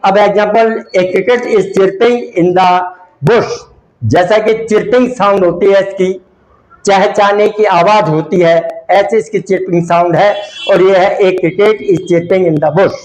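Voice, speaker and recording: A man's voice: high voice, steady tone, a little mellow, roomy sound, rough recording. A man teaching an English vocabulary lesson with an Indian accent. He explains words and meanings in Hindi, repeats each word carefully and keeps checking that students understand. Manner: explains slowly, repeats words, asks "samjhe?".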